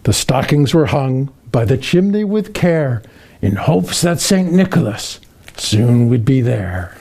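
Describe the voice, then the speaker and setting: A man playing a jolly, kindly old Santa Claus, reading a children's Christmas poem aloud in an expressive, unhurried storytelling manner. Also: medium pitch, gravelly, breathy edge, exaggerated voice. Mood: warm storytelling.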